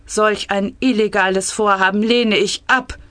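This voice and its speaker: A woman's voice: medium pitch, fairly even intonation, unhurried, fairly bright tone, dry recording, natural voice. A nervous male minister scolding his colleagues in outrage, in a satirical audiobook, as a woman reads him. Dry and near. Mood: angry. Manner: angry, scolding.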